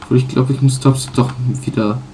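A man casually commenting on his own playthrough, pausing often with fillers and correcting himself. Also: medium pitch, steady tone, dark tone, a little hiss or hum. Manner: halting, many fillers and self-corrections. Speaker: let's player.

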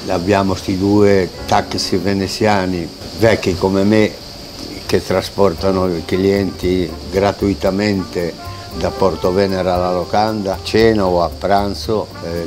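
A man in his eighties with a very low, deep voice tells his story with unhurried pride, often restarting his sentences. He speaks into a lapel mic on an open restaurant terrace, with music playing clearly beneath him. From Italy. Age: 80s. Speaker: restaurant owner and chef. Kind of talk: interview, reminiscing. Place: covered restaurant terrace outdoors.

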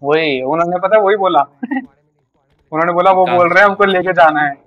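A man's voice: high-pitched, brisk, no echo, muffled recording. A young man from India, a streamer joking and pleading his way through a roleplay scene. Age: young adult. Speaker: streamer playing a roleplay character. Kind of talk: casual roleplay banter.

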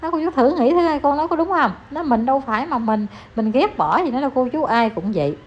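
A woman's voice: sits high, expressive, fast talker. A woman with a Southern Vietnamese accent giving a heated, scolding commentary vlog, talking down to the person she criticizes. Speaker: online commentator. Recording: slightly dull recording, faint background ambience.

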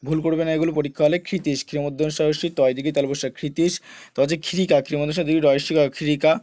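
A man's voice: a little high, steady tone, racing, dark tone. A man teaching a spelling lesson for exam students, spelling words out letter by letter and repeating the key points.

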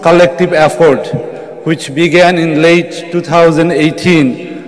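A man's voice: a little high, fairly even intonation, a little slow. A middle-aged man giving a formal welcome speech from a podium microphone in a large convention hall. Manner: reads a prepared address at a podium.

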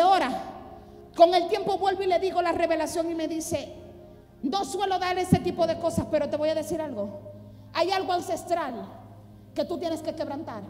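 Woman pastor preaching hard, dramatic testimony, long echo in a big church hall. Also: very high-pitched. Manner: impassioned, dramatic storytelling, builds to loud exhortation. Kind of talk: sermon with personal testimony. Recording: reverberant hall with music underneath.

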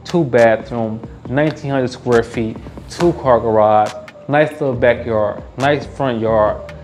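With faint music playing behind him, a medium-pitched man speaks slowly in a slightly mellow voice. He's a realtor and house flipper giving a laid-back, cheerful vlog tour of bare interior rooms and repeating his catchphrases.

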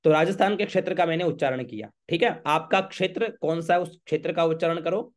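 A man, a priest teaching a home worship ritual step by step, chanting Sanskrit lines slowly and checking with the listener often. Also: on the high side. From Rajasthan, India. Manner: patient, repeats checks like "okay?".

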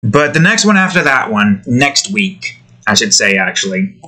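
Very animated, sharp in tone and moderate in pace, this medium-pitched young man chats to himself while drawing and occasionally tests voices. The art video creator uses a desk mic in a small home room.

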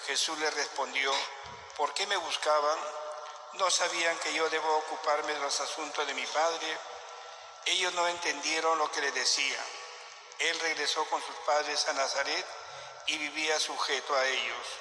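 A man serving as a priest, reading the Gospel and preaching at Mass at a measured, solemn pace with small restarts, his voice carrying a cathedral-like echo. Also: on the high side, steady tone, bright, forceful tone, faint music behind. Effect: cathedral-like echo with long reverb. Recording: echoey reverberant hall, faint noise.

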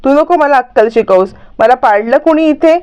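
A woman's voice: high voice, lively intonation, normal speed, darkish tone, dull audio, voice pushed up. A woman voicing a proud, hot-tempered woman who scolds and threatens her neighbours in a story recap, in a raised, accusing voice.

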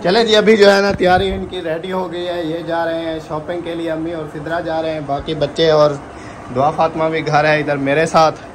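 A man's voice: on the high side, moderate pace. A young man chatting casually on a family vlog, filming himself with a phone at arm's length in a small room of a village house. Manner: lively, talks sing-song baby talk to a toddler. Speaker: vlogger. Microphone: phone camera held at arm's length. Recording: noisy home phone recording.

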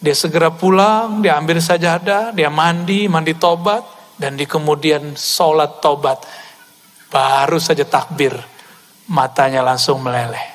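A male preacher delivers a sermon with animated energy, tossing rhetorical questions at his listeners and slipping into casual asides. His voice sits on the higher side for a man. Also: a little slow. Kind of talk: religious sermon to a live congregation.

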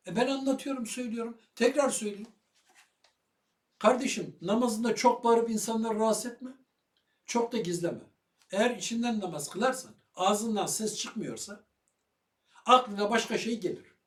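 A man giving heated video commentary on religious matters, loud and fiery, firing rhetorical questions at his listener. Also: high voice, reverberant, recorded from a distance.

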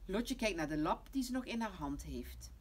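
A woman reading a children's bedtime story aloud in a gentle manner. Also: mid-range voice, expressive, normal speed, husky. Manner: gentle, hushed toward the end. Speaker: reader.

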